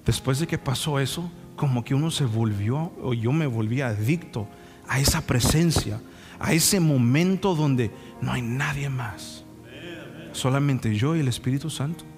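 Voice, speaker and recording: Guy preaching, frank folksy sermon, roomy hall echo, soft music under him. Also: medium pitch, a little slow. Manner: earnest preaching, acting out prayers and dialogues; frank, folksy asides to the congregation. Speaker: pastor.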